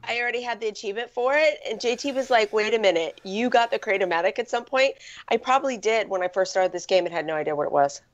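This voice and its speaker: A woman hosting a casual gaming chat, animated, with gasps and quoted asides. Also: medium pitch, quick pace, few pauses, highs cut off.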